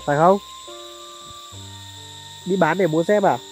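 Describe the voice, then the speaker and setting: A man's voice: fairly high pitch, takes it slowly, low-quality recording. Man, charity vlogger, outdoors, polite, lots of fillers, faint music behind. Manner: polite, addresses viewers often, many fillers. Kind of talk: vlog narration and chat on location. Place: outdoors in a highland village.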